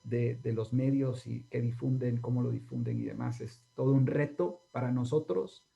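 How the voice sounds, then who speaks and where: This channel host, a man with a Guatemalan accent, chats casually with his interview guest, rambling and leaning on fillers and tag questions. His medium-pitched voice is steady, warm and creaky at a normal speed, and the recording has its highs cut off.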